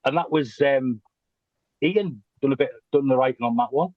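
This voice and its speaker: A man's voice: mid-range voice, moderate pace, no room sound, muffled recording. A British man hosting a casual panel chat in everyday, informal speech. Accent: British English. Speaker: podcast host.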